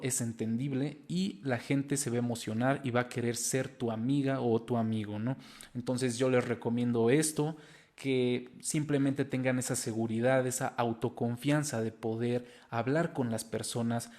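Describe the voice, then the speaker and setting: A man's voice: medium pitch, darkish tone. Earnest young Mexican man, encouraging. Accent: Mexican Spanish. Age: 20s. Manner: earnest and encouraging, addressing viewers directly. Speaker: language-learning video host. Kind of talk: motivational talk to camera.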